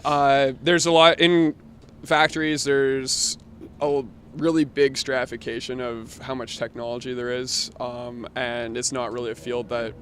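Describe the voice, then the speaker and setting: Male founder guest, mid-pitch, explanatory and a bit halting, outdoor city patio. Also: flat delivery, fairly bright tone, a little hiss or hum. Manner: explanatory, hesitant with many ums. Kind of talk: interview answers.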